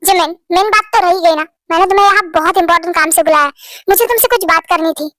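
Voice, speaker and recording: Teasing flirty boss man, as a woman reader puts him on, very high bright voice, soft music behind. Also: fast talker, no room sound, clean studio sound. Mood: earnest. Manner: playful, teasing. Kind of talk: Hindi fan-story voice acting.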